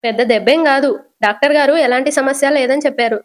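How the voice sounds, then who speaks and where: A quick-tongued young husband who jokes even in a crisis while calming his mother-in-law, voiced by a woman retelling a serial. The voice stays high and light. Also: natural voice. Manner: wisecracking, reassuring. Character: young adult man, quick-tongued joking son-in-law.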